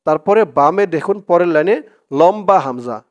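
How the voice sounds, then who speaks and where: A man teaching Quran reading, who spells out each word letter by letter and then chants the verses slowly. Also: high-pitched, animated, highs cut off. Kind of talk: spelling lesson with recited verses.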